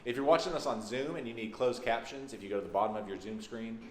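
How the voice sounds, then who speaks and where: Speaking fast at a medium pitch, a man with a Texas accent gives an informal, folksy welcome to a church congregation. He is the minister. The large indoor sanctuary makes the recording echoey, and background noise can be heard.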